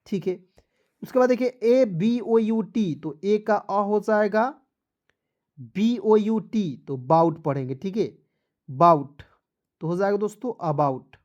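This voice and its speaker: A man's voice: high-pitched, darkish tone, highs cut off. A man teaching English online, spelling each word letter by letter, asking how it is read, then answering and checking that viewers follow. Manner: repeats each word slowly. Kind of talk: spelling-out language lesson.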